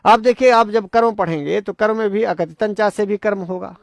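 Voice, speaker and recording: A man's voice: sits high, brisk, creaky, dry recording, clean studio sound. A man teaching Sanskrit grammar for exam prep in an emphatic lecture, repeating points and firing rhetorical questions at his students.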